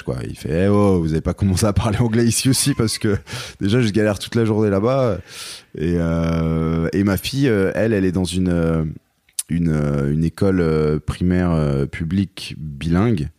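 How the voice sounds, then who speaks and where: Brief: hesitant man in his thirties, very low dark voice, dry close recording. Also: no echo. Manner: hesitant, many fillers and restarts. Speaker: guest, songwriter and performer. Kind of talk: casual interview chat.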